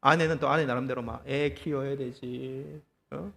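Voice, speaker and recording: A man preaching a sermon as pastor, telling a story with lively, acted-out quotes and rhetorical questions to the congregation. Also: medium pitch, normal speed, gravelly, in a large hall. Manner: animated storytelling, acting out quoted voices. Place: church.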